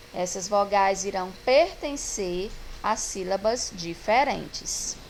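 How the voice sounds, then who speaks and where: A woman teacher with a Brazilian Portuguese accent, giving a recorded grammar lesson with slow, patient explaining and stretched-out example words. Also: medium pitch, a little hiss or hum, poor audio.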